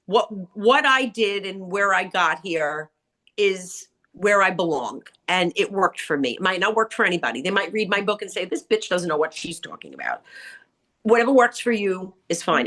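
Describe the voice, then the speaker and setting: A middle-aged woman with a raspy, grating, nasal voice, talking bluntly and candidly as an interview guest, acting out what people said. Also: medium pitch, moderate pace. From New York area. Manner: blunt, animated storyteller who acts out quotes. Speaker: interview guest, salon owner and author.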